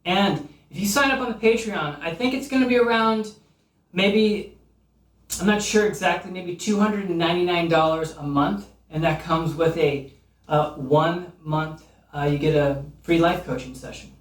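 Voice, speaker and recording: High-voiced profane comedian in an echoey room. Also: male voice, moderate pace, recorded from a distance. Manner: profane, rambling, mock-earnest rants. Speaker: comedian host. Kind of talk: comedic monologue.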